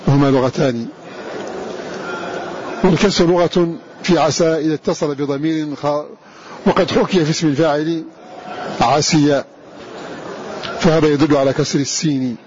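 A man giving a measured lecture on Quran readings, repeating verse lines slowly before explaining them. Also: a little high, steady tone, a little mellow. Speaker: Quran recitation teacher. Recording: dull lo-fi recording with clear hiss.

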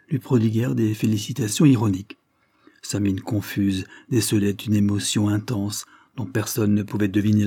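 A man narrating a classic novel as an audiobook, in a steady, measured reading. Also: fairly low pitch, breathy edge, no echo.

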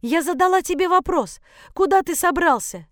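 A woman's voice: high-pitched, animated, measured pace, darkish tone, no echo, clean studio sound, pitched above the performer's own voice. A woman voicing a desperate mother pleading with her teenage son, in an audiobook. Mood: frantic. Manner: pleading, frantic, tearful.

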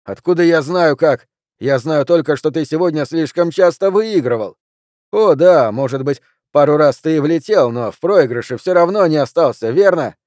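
Man voicing a hot-tempered poker loser, raised pitch, shouting, coarse, dry close sound. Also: no echo, close to an everyday voice. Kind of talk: audiobook character reading.

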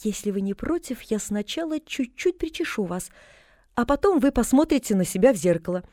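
A cheerful, chatty young girl, put on by a woman reading a storybook, gushing with bright excitement. Her voice is pitched high over a mellow, warm timbre. The sound is dry and close. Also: fairly quick, dry recording. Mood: eager. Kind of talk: audiobook character reading.

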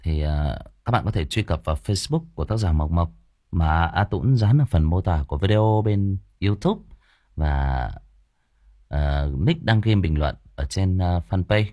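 Deep-voiced male horror storyteller. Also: lively intonation, unhurried, mellow, dry recording, studio quality. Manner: chatty, greets viewers, many fillers. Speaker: storyteller and livestream host. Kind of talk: live-streamed horror story reading.

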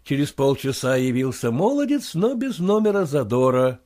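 A man narrating a classic story as an audiobook, in an expressive reading. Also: medium pitch, moderate pace. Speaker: audiobook reader.

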